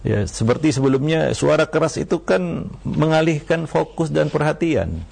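A man, an Islamic teacher giving religious advice, speaking in a measured way with many small fillers and quoting Arabic verses. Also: fairly high pitch, lively intonation, vocal fry, darkish tone, slightly rough. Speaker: Islamic teacher answering questions.

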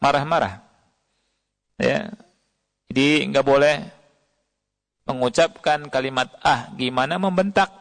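A man's voice: mid-range voice, slow, pauses often. A man preaching a sermon, reciting Arabic verses and asking the audience questions. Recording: long hall reverb.

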